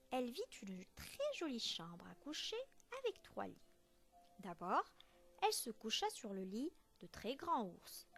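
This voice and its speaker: A woman teacher reading a children's story aloud in a slow, expressive storytelling voice. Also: high-pitched.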